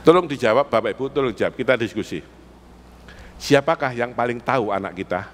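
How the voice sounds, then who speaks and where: A man's voice: medium pitch, fairly quick, a little hiss or hum. A man with an East Javanese accent preaching an Islamic sermon in a mosque, putting rhetorical questions to the congregation and pressing them for answers. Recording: echoey mosque hall.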